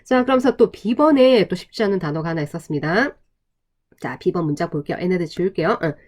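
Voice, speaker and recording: A woman's voice: lowish voice, lively intonation, brisk, darkish tone. A woman, a TOEIC English instructor, going over exam answers in a teacherly lecture style, asking rhetorical questions and drilling pronunciation.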